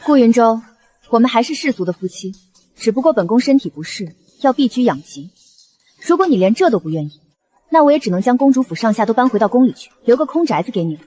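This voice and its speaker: An actress playing a proud, composed young princess in a period drama, speaking in a cool, commanding, regal way with a slightly husky voice. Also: female voice, on the high side, very animated, fast, dark tone. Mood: cold, commanding. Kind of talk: Chinese period short-drama acting.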